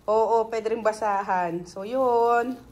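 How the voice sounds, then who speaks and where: A woman's voice: a little high, slow pace, a little mellow, highs cut off. A middle-aged Filipino woman vlogging casually on a phone in a condo, chatty and giggly. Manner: chatty, giggly, mixing English and Tagalog. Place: condo unit on a rainy evening. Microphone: phone held by the speaker.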